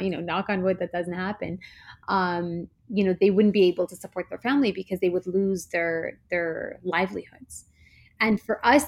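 A woman's voice: on the low side, vocal fry, darkish tone. A woman who grew up in Canada, a social enterprise co-founder, giving earnest, reflective interview answers and searching for her words.

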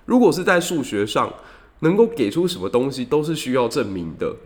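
A man's voice: mid-range voice, sing-song, brisk. A man, a professor hosting his own channel, talking casually and retelling jokes with voiced quotes. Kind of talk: casual commentary and joke-telling.

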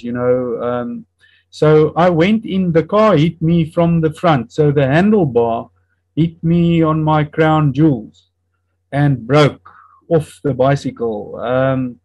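A man in his fifties whose first language is Afrikaans tells his personal story as an interview guest, sounding earnest and reflective with an Afrikaans accent. He hesitates often, hunting for words and restarting, and his fairly high voice is a little mellow. The audio is dull, with no room sound.

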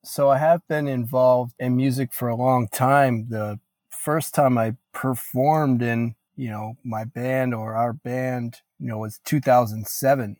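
An earnest man in his late twenties talks as a guest in a casual interview, reflective and full of "you know" fillers. His voice sits at a middle pitch, and the recording is dry and close. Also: steady tone, unhurried, a little mellow, no room sound. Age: late 20s. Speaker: guest musician.

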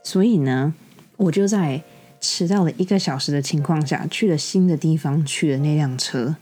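Young taiwanese-accented woman venting a story, lowish husky mellow voice, faint music under it. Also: moderate pace. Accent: Taiwanese Mandarin. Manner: exasperated, animated retelling with quoted dialogue. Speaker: podcast host. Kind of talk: casual storytelling monologue. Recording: soft music bed behind. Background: faint background music.

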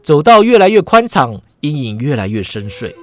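A man's voice: on the high side, very animated, normal speed, fairly bright tone. A man narrating a serialized martial-arts story with a dramatic telling.

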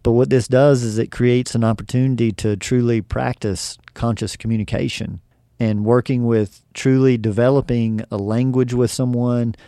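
A man's voice: mid-range voice, fairly even intonation, normal speed, mellow, dry recording, studio quality. A man talking on a podcast, explaining ideas in a reflective way with frequent fillers and acted-out remembered conversations. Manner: acts out remembered dialogue. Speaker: podcast guest teacher. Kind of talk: casual podcast talk.

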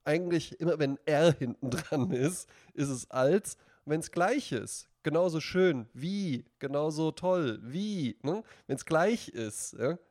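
A man from central Hesse co-hosting a casual podcast chat, chatty and quick to laugh, explaining grammar rules at length. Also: fairly high pitch, expressive, a little mellow, no echo, clean studio sound. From central Hesse, Germany. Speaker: podcast co-host.

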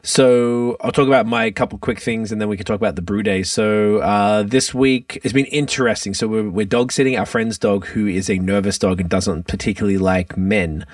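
A man hosts a loose, casual podcast chat in a lowish voice. His talk is blunt, slangy and full of swearing. He sounds a bit away from the microphone, in a fairly dry space. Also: steady tone, normal speed, hardly any pauses, no echo, far from the mic. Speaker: podcast host.

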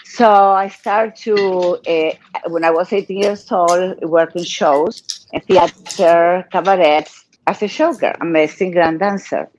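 An older woman from Argentina with a Spanish accent, telling her life story as a guest in a casual interview, in halting non-native English. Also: lowish voice, fairly even intonation, darkish tone, a little hiss or hum, poor audio. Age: 60s or older.

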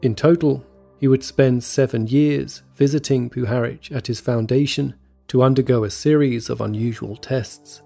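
A man narrating a scripted true story in a measured, even storytelling manner. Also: mid-range voice, gravelly. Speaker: podcast narrator. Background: faint background music.

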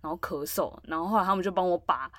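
A woman's voice: lowish voice, fast, no room sound. Podcast co-host, woman, dry close sound, loose rambling storyteller. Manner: rambling storytelling with many fillers. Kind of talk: casual chat.

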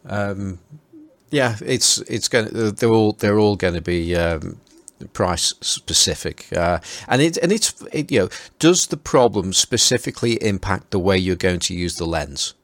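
A man's voice: low-pitched, animated, a little slow, dry recording. A man with a Stoke accent in a casual chat, speaking hesitantly and qualifying what he says. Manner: hesitant, qualifying his statements. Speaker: panelist discussing vintage lenses.

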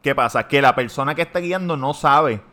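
A man with a Puerto Rican Spanish accent, hosting a podcast and telling a story to friends in a casual, animated way, swearing freely. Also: medium pitch, a little fast. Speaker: podcast host.

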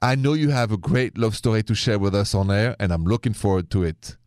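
A man's voice: fairly low pitch, a little fast, no echo. Effusive male radio host, dry studio. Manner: warm, encouraging, effusive. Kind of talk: radio call-in hosting. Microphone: studio mic.

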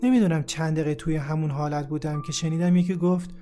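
Mellow-voiced man telling a memoir. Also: fairly high pitch. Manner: steady, reflective storytelling. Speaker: narrator. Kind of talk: first-person memoir narration. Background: faint background music.

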